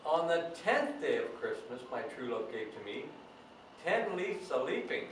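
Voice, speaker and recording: A man's voice: mid-range voice, big pitch swings, a little slow. Guy doing jolly santa reading storybooks to kids, super echoey room, kinda far from the mic. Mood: jolly, playful. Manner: jolly, folksy, ho-ho-ho laughing. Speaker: storytime host. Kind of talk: read-aloud storytelling with chatty asides. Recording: very echoey room, distant mic, faint noise.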